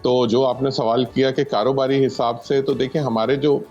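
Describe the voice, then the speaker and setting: A man's voice: medium pitch, little pitch movement, a little mellow, soft background music. Man with on lo-fi remote line. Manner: measured, explanatory, with frequent hesitations. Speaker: astrologer guest. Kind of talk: explaining predictions on a TV show.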